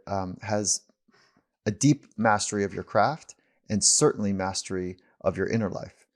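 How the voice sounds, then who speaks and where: A male interview host with a fairly low voice. He speaks thoughtfully, summing up his guest's ideas and framing the next question. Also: a little mellow. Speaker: podcast host. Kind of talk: interview podcast conversation.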